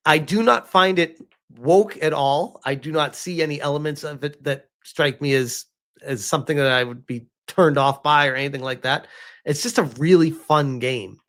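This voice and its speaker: Gaming news gets casual, incredulous commentary from this livestreamer, a man whose voice is a little high with a fairly bright tone. He speaks informally, with halting, emphatic delivery and rhetorical questions.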